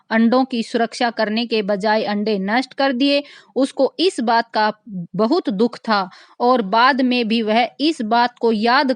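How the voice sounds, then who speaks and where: A woman's voice: fairly high pitch, no echo. A woman teacher explaining a textbook story to children, retelling each line in simpler words and addressing them directly. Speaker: school teacher.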